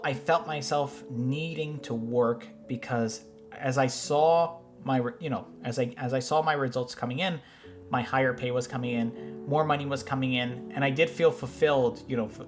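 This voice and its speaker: A man in his thirties talks through reaction clips in a casual, rambling way, often restarting his sentences. His voice sits in a middle pitch, and faint music plays quietly behind him. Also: normal speed. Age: 30s. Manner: rambling, with frequent restarts and fillers. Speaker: host reacting to finance videos. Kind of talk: casual commentary.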